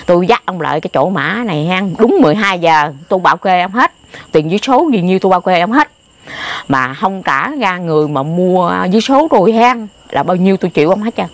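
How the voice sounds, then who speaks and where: An older woman with a Southern Vietnamese accent telling stories in a casual, animated and exclamatory way, often repeating herself, recorded outdoors. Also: fairly low pitch, fast. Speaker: interviewee. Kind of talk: casual storytelling. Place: outdoors by graves at night.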